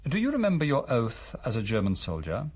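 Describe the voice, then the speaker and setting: This radio drama actor plays a chilling Nazi chief, his husky mid-pitched voice swinging hugely and expressively up and down. Each measured phrase is courteous and pompous, carrying a soft, cold threat beneath it.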